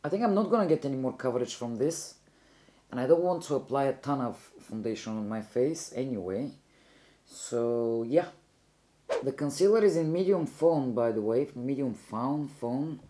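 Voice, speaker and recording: Speaking at a moderate pace, she has a very deep, dark voice and a Bulgarian accent. She's a young woman from Bulgaria and a beauty vlogger, casually rambling through a makeup tutorial and self-correcting mid-sentence.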